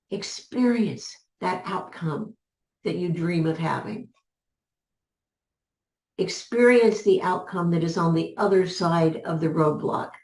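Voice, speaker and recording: A woman coaches business owners in an unhurried, measured way, repeating key words to drive them home. Her voice sits on the lower side, and the recording has a noticeable room echo. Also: darkish tone. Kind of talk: motivational teaching talk.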